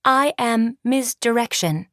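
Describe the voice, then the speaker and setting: A woman's voice: a little high, slow pace, a bit bright, no echo, clean studio sound. A woman voicing a colorless, commanding female school founder made of words, who speaks in clipped announcements. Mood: cold commanding. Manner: clipped, commanding, announces each remark with a one-word label.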